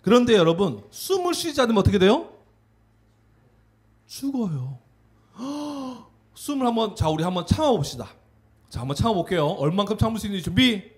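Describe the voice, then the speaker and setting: A man giving an animated children's sermon, telling a story and having the kids repeat words after him. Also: high voice, brisk, breathy edge. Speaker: children's pastor.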